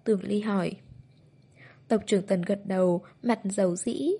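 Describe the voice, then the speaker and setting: A woman narrating a novel as an audiobook in a steady, even reading voice. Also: medium pitch, moderate pace, husky.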